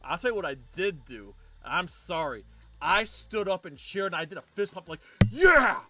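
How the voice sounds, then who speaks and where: A man with a high, bright voice hosting a relaxed live-stream chat. He talks excitably and breaks into loud cheers when something thrills him. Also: moderate pace. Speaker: show host.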